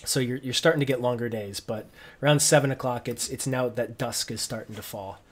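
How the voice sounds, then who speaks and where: A man's voice: mid-range voice, steady tone, a little fast. A man working as game master, narrating a tabletop roleplaying game informally and piecing descriptions together as he goes.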